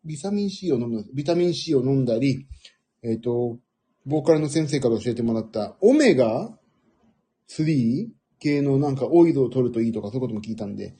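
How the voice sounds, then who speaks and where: A middle-aged man with a husky voice hosting a casual, rambling audio stream in a self-deprecating manner. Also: mid-range voice, expressive, fairly quick, dark tone. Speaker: audio livestream host.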